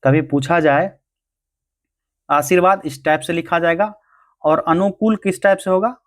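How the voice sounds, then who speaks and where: A man's voice: fairly high pitch, steady tone, a little slow. A man teaching a grammar lesson for exam prep, going through answers step by step and answering his own questions. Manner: explains answers step by step, asking and answering himself.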